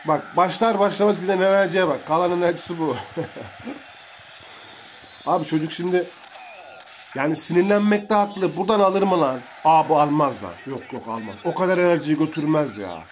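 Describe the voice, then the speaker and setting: A young man casually commentating a mobile wrestling game for viewers, excitable and slangy, calling out moves and reacting to hits. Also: high-pitched, a little hiss or hum.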